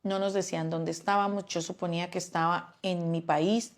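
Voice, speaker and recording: A woman's voice: lowish voice, flat delivery, normal speed. A woman giving a personal testimony, often stopping and repeating words as she recounts events.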